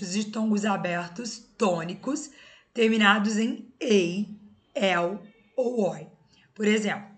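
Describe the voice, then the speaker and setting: A woman's voice: medium pitch, a bit bright. Lady teacher going through grammar rules step by step, keeps checking in with the class. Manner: explains step by step, often checks in with "né?". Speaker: Portuguese teacher. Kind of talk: exam-prep grammar lesson.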